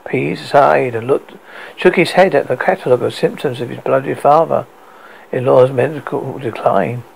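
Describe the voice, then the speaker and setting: A British man with a gravelly voice narrates a story aloud in a halting, stumbling way. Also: medium pitch, low-quality recording. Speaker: podcast host reading a story. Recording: noticeable background noise.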